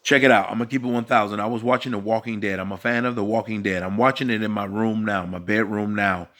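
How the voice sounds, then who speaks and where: A man's voice: on the low side, steady tone, quick pace, a bit bright. A man in his fifties, a coach, giving an emphatic, repetitive motivational talk to men. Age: 50s. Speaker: dating and life coach. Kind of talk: motivational monologue.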